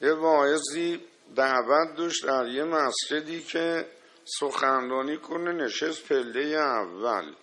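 A male preacher delivers a sermon with a forceful, bright voice, retelling a story with drama and acting out the dialogue. He turns to his listeners with emphatic lists of warnings, pressing each point home. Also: a little high.

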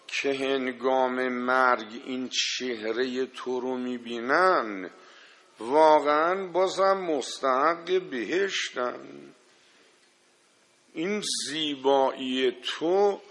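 A man's voice: medium pitch, bright, forceful tone. A man preaching a religious sermon, telling a story dramatically and addressing his listeners directly with emphatic warnings. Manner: dramatic, emphatic, acts out quoted dialogue.

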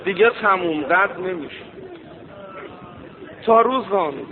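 High-voiced preacher chanting a mourning sermon. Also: male voice, lively intonation, a crowd in the background. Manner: chanting, rising to impassioned cries. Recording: tinny phone-like sound.

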